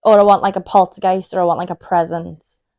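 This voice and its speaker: A woman's voice: lowish voice, flat delivery, brisk, creaky, mellow. A young woman guest on a podcast, feeling unwell, chatting bluntly and playfully. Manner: laughs a lot, blunt and playful. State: unwell, slightly off voice. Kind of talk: casual chat.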